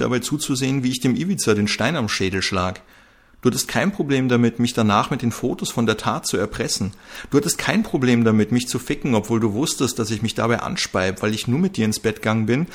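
A man voicing a furious, cornered young woman who shouts and sneers crudely. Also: mid-range voice, fast talker, natural voice. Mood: sneering.

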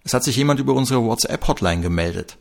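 A man's voice: mid-range voice, animated, vocal fry, pitched above the performer's own voice. A man voicing a busy male police colleague reporting to his boss. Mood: brisk. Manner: brisk reporting.

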